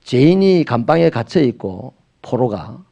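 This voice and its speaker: Lively gravelly Gyeongsang pastor preaching. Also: male voice, medium pitch, a little slow. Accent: Gyeongsang Korean. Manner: lively, humorous preaching with acted-out dialogue. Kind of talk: sermon.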